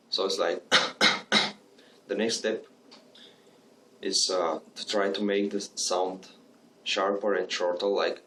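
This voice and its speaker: A man explaining a beatbox technique in a casual tutorial, halting with many fillers. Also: sits low, a bit bright, slight background noise.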